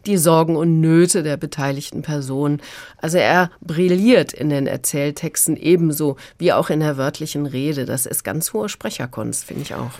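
A woman's voice: low-pitched, normal speed, darkish tone, no echo. A woman reviewing a book on radio, fluent and engaged, pointedly critical. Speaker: literary critic.

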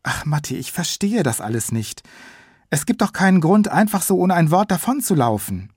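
A man's voice: on the high side, very animated, normal speed, darkish tone, husky, no echo, studio quality, pitched above the performer's own voice. A man reading an audiobook, voicing an exasperated mother who scolds her son. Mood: bewildered. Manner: scolding, exclaiming.

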